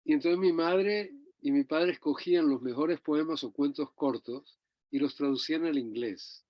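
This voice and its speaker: Reminiscing about his parents as an interview guest, this older man from Chile rambles through stories, often closing phrases with a tag question. His voice is a little high at a moderate pace. The close recording is dull and dry, with no echo.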